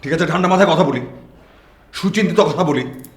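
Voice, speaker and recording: A man's voice: sits low, fairly quick, darkish tone, husky. An actor playing an artist husband in a TV drama, arguing in a stern, lecturing way with his wife. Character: artist husband arguing over parting, male adult. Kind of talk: TV drama acting.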